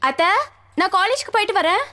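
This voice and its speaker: An actress playing a hurried young college girl eager to leave home, in film dialogue. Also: very high-pitched, animated. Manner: rushed, eager. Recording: film soundtrack with loud music.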